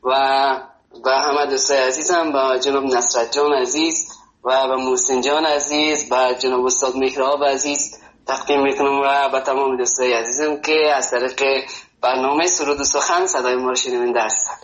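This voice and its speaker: A man's voice: mid-range voice, steady tone, a bit bright, echoey room. A man from Afghanistan with an Afghan Dari accent, calling in to a radio show and politely rattling off blessings and dedications. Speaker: caller. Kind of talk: radio call-in chat. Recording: muffled phone line with music behind.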